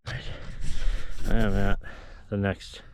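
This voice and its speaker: A man's voice: fairly low pitch, monotone, slow pace, smooth. A man narrating casually to camera while building a fence, muttering and grumbling as he works and short of breath. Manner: muttering to himself, grumbling asides. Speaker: farm vlogger. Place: muddy outdoor pasture.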